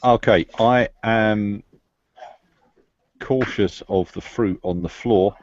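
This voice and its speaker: A man playing a tabletop game, deliberately planning his moves aloud. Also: fairly low pitch, a little mellow, slight background noise. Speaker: player. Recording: dull lo-fi recording.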